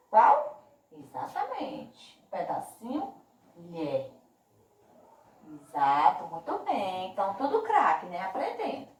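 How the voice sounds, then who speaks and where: A Brazilian Portuguese-speaking woman teaching a primary school class by video, drawing out each word slowly and speaking with affectionate diminutives. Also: mid-range voice, a little mellow, reverberant, distant mic, low-quality recording. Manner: slow, drawn-out emphasis on words. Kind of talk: remote class video lesson.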